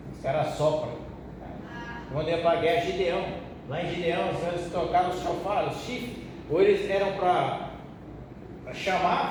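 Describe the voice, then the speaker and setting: A pastor from Brazil teaching a Bible study in a colloquial, joking way and asking his listeners questions. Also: a little high. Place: church hall. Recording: echoey hall, distant mic, background noise.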